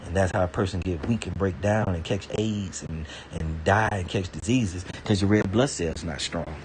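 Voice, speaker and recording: A man vlogging to camera rants casually and profanely, stammering and repeating himself as he rambles. His darkish voice moves at normal speed, jumping high when indignation takes over, with slight background noise present.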